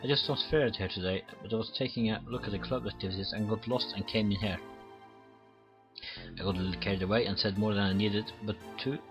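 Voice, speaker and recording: His voice is lowish and quick-paced with fairly even intonation, as this let's play host reads visual novel text aloud. He often stumbles over words and goes back to restart. Game music plays clearly in the background.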